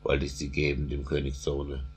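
A man's voice: rumbling low, monotone, slightly rough. A man reading a doting old king. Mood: solemn. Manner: solemn, slow verse recitation. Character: aging Syrian king, doting and generous.

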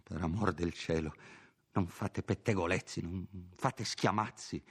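A man's voice: low voice, unhurried, slightly rough, full character voice. A man doing a fretful, timid old priest. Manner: fearful, peevish, grumbling. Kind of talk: audiobook character voice.

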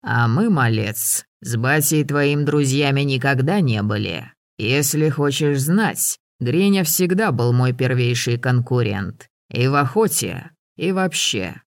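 A man voicing a gruff, sardonic old hunter who barks orders and teases. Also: mid-range voice, expressive, unhurried, hardly any pauses, no echo, studio quality. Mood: gruff mocking.

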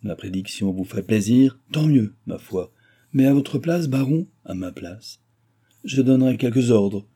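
A man reading an audiobook, voicing a mysterious male sorcerer with a calm, confident, faintly mocking manner. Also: mid-range voice, unhurried, husky, voice pushed up. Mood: assured.

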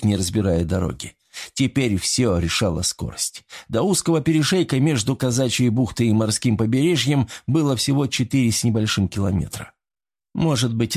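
A man narrating an audiobook in a steady, measured storytelling manner. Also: lowish voice. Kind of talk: scripted narration.

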